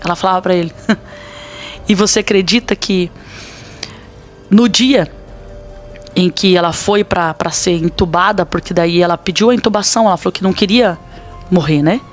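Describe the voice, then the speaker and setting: A woman's voice: lowish voice, normal speed, long pauses, faint music behind. A woman pastor with a Brazilian accent, telling a personal testimony in a podcast interview in an earnest, dramatic way. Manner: earnest, dramatic storytelling with quoted dialogue.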